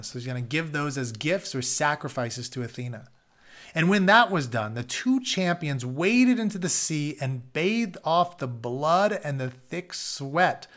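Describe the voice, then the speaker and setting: In a carpeted home office, a man in his thirties sits at a desk reading a storybook aloud. His voice is slightly high and fairly bright, and he shifts between narration and casual, informal explanations of words in plain terms for his listeners.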